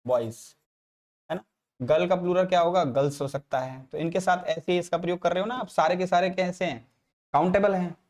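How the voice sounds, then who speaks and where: During an English grammar lecture, a man repeats every example and frequently checks on his students with tag questions. His voice sits high, a little mellow, and moves fairly quickly.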